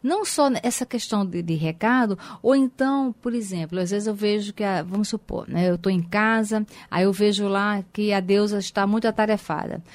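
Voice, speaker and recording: A woman's voice: mid-range voice, normal speed, few pauses, dry recording. A woman co-hosting a spiritual talk program who tells stories animatedly and acts out the dialogue. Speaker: co-host. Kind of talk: casual chat on a spiritist program.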